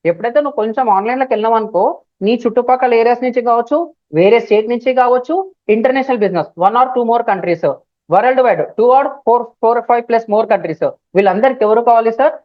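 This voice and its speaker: A woman with a Telugu accent teaching a live online class, speaking loudly and repeating key phrases, sometimes spelling words out letter by letter. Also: medium pitch, dry recording. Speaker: digital marketing trainer. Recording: dull, dry lo-fi stream audio.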